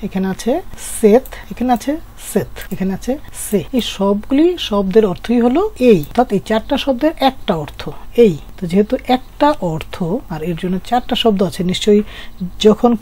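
Female teacher from Bangladesh, mellow tone, patient step-by-step grammar lesson. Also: mid-range voice, moderate pace. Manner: patient, explaining step by step with rhetorical questions. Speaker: French teacher.

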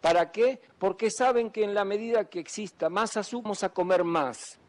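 A doctor from Argentina gives an emphatic public talk to students, frequently asking them questions. He has a high-pitched voice and speaks at a moderate pace.

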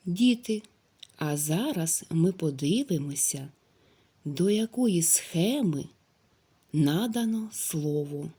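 A woman teacher speaks to young children at a very slow, deliberate pace, stretching out each word and sound. Her voice is mellow and warm, with lively rises and falls in pitch. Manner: slow, drawn-out, clearly articulated speech for young children. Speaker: primary school teacher.

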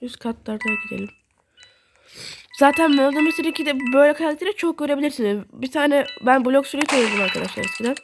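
A young woman giving casual, excitable commentary while playing a game and talking to her viewers. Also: sits high, quick pace, over music. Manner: chatty, excitable, talks to viewers. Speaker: gaming video host.

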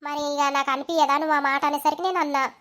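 A woman's voice: high voice, steady tone, quick pace, a bit bright. A woman voicing a tearful, defensive village woman with a Telangana accent. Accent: Telangana Telugu. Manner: defensive, wounded. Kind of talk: animated village comedy dialogue.

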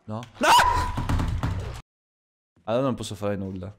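Excitable gamer guy streaming a horror game, swears a lot, mutters then yells, voice bouncing all over. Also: medium pitch, very noisy. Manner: swearing, excitable, quick shifts from muttering to yelling. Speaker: gaming streamer. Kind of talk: live gameplay commentary.

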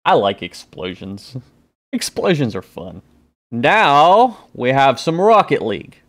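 Animated man reacting to clips. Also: mid-range voice, slow pace, slight background noise. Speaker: reaction video host. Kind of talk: casual commentary on clips. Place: small indoor streaming room.

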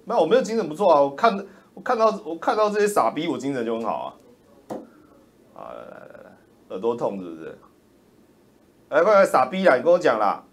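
A man's voice: fairly high pitch, sing-song, quick pace, long pauses. Roaring, mocking man. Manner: loud, roaring, mocking, insulting. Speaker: political commentator. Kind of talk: ranting livestream commentary.

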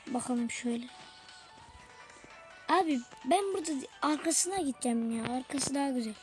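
High-voiced excitable woman gamer. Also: moderate pace. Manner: excitable, slangy, talks to viewers and teammates. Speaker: gaming video creator. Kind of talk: live let's-play commentary. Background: game music.

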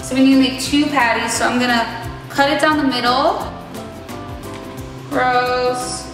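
A woman's voice: sits high, steady tone, a little slow. A young woman in her twenties chatting casually and exclaiming as she cooks in her home kitchen, recorded by a camera mic at medium distance. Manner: chatty, exclaiming, self-mocking. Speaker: vlogger cooking in her kitchen. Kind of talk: casual cooking vlog. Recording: echoey kitchen with background music.

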